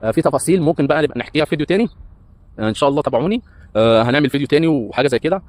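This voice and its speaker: Man, Egyptian Arabic accent, thirties, very quick delivery, rambling with lots of fillers. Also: fairly high pitch, lively intonation, darkish tone, dry recording. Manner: rambling, with many hesitant fillers. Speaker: breakdancer and hotel entertainer. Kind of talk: casual life-story monologue.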